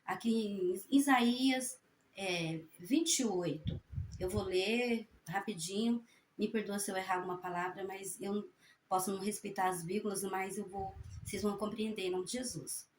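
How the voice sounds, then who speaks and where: A woman preaching with a fervent, folksy warmth, often tagging her sentences with questions and pausing to correct her own reading. She speaks at a mid pitch, and her voice rings in a roomy space over a faint background hum. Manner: fervent, folksy, frequent "né?" tags; halting reading with self-corrections. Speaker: evangelical preacher sharing a prophecy. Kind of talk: spoken testimony and scripture reading.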